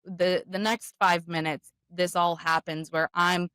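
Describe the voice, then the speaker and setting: A young adult woman, a podcast guest, telling her story in a lively way, often acting out the voices of others. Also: lowish voice, measured pace, clear, resonant tone, dry recording. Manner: lively, acts out quoted voices.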